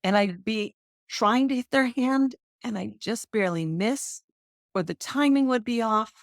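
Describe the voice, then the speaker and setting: A woman's voice: unhurried, dry recording, clean studio sound. A woman hosting a podcast, telling personal stories in a chatty, self-deprecating way. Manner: chatty and self-deprecating, with lively pitch jumps. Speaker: podcast host. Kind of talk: personal storytelling monologue.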